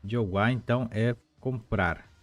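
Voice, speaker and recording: Low-voiced man teaching a lesson. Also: no echo, soft background music. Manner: explanatory, repeats words slowly, chatty asides. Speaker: language teacher. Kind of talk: live online language lesson.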